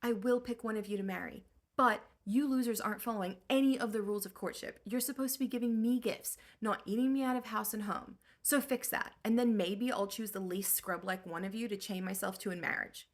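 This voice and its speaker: A woman's voice: mid-range voice, a little fast, close to an everyday voice. Woman doing a sassy fed-up queen. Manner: snarky modern slang, bossy.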